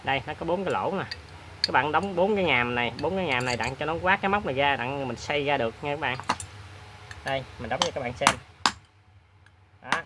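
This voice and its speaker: A man hosts a hands-on repair demonstration, talking in a chatty, plain-spoken way with many filler pauses. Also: on the high side, noisy background. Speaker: repair tutorial host.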